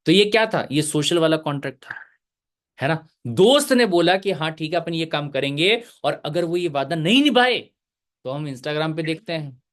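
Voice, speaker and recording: A man's voice: fairly high pitch, animated, moderate pace, a bit bright. A male teacher giving a live online lecture, chatty and joking, mixing English terms into his talk.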